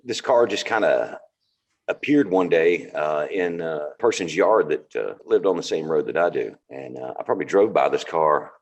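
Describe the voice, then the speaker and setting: Southern man, deep voice, guest on an online car show, relaxed, rambling storyteller. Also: moderate pace, muffled recording. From North Carolina. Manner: relaxed, rambling with many fillers. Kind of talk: casual storytelling on video call. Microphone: video call.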